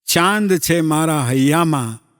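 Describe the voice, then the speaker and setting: A man's voice: fairly high pitch, slow. A man comedian telling jokes and acting out characters on a live stage. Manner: animated storyteller acting out characters' calls. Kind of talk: live stand-up joke telling. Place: live stage before an audience. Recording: echoey live stage hall.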